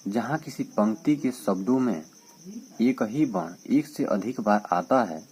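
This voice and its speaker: Low-voiced man teaching grammar. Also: lively intonation, measured pace, a little mellow, slight background noise. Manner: explains by repeating and reading out definitions, frequent fillers. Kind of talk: informal exam-prep lesson.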